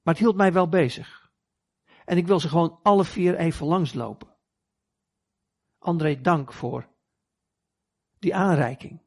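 A man preaches a sermon in an earnest storytelling manner, giving the quoted voices a little life. His voice sits a touch high and carries a slightly husky edge. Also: unhurried, pauses often.

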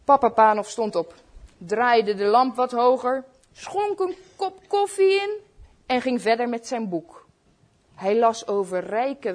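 A woman reading a Christmas story aloud to children, slow and expressive, speaking to her listeners. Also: a little high.

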